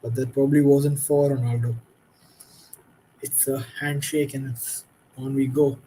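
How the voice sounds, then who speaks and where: A man's voice: medium pitch, little pitch movement, unhurried, mellow, a little hiss or hum, rough recording. A tired man hosting a late-night football watchalong, giving frustrated, critical reactions to the game as it happens. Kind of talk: live match commentary and reaction.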